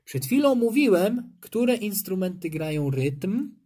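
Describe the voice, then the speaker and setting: A man's voice: sits high, very animated, slow, mellow, breathy edge. A man teaching an online music lesson to young children, encouraging them and chanting rhythm syllables.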